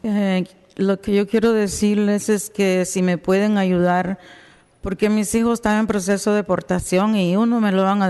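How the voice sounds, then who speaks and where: A woman's voice: medium pitch, a little mellow, smooth. A woman from El Salvador, a native Spanish speaker, pleading with a city board during public comment. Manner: pleading, emotional. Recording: long hall reverb.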